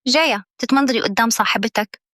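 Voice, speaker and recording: Woman as rude dress shop owner, Egyptian accent, fast contemptuous scolding. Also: on the high side, fairly bright tone, dry recording, studio quality, natural voice. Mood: scornful. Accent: Egyptian Arabic.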